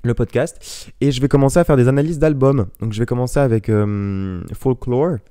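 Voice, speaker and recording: A man's voice: mid-range voice, brisk, warm tone, smooth, dry recording, studio quality. A young man hosting his own podcast, chatting casually in a rambling, digressive, self-mocking way into an old microphone. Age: young adult. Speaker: podcast host. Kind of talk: casual solo podcast chat. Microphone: ten-year-old microphone.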